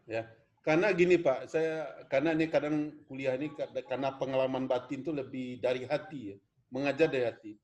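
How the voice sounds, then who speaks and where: A man's voice: mid-range voice, fairly even intonation, fairly quick, darkish tone. A man from West Sumatra, lecturing in an online class, earnest and rambling, often addressing students as "Pak". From West Sumatra, Indonesia. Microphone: video call.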